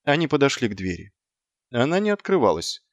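A man narrating an audiobook with expressive storytelling. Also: mid-range voice, brisk, dry recording.

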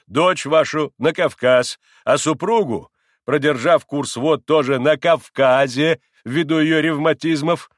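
A man reading aloud and voicing a haughty, impatient doctor who speaks slowly and pompously, hammering every syllable. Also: on the high side, no echo, clean studio sound, pitched above the performer's own voice. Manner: clipped, pompous, stressing each syllable. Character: haughty impatient middle-aged male doctor.

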